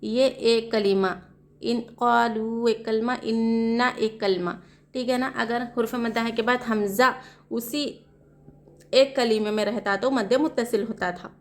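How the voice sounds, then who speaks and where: Slow, high-voiced woman teaching Quran reading. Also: steady tone. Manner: spells letters and vowel marks syllable by syllable, then explains with questions. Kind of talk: slow spelled-out recitation lesson.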